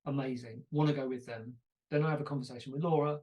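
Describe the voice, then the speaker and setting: A man hosting a podcast in relaxed, chatty conversation. He tells stories with self-deprecating asides and a mid-range voice. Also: medium pitch, quick pace. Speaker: podcast host. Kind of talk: casual conversation.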